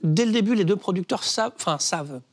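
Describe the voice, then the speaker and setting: A man's voice: high-pitched, lively intonation, quick pace. A man talking through film history on a studio panel, hesitant, with many fillers and restarts. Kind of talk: casual studio discussion.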